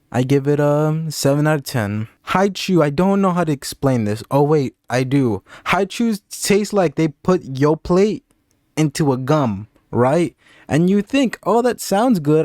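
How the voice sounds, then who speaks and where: A young man with a fairly high voice reviews candy one piece at a time, full of deadpan sarcasm and throwaway jokes. The sound is dry and close, with no room echo. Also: a little slow. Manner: deadpan, sarcastic, jokey asides. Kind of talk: casual comedic review vlog.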